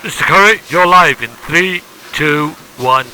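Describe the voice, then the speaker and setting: A man's voice: fairly high pitch, unhurried, sharp tone, a little hiss or hum, rough recording. A man working as a studio announcer, giving a showy intro and counting down.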